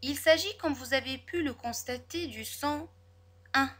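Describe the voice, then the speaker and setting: A woman teaching a spelling lesson to children, sounding out each word slowly and clearly, syllable by syllable. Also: high-pitched, fairly bright tone. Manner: slow, over-articulated, syllable by syllable.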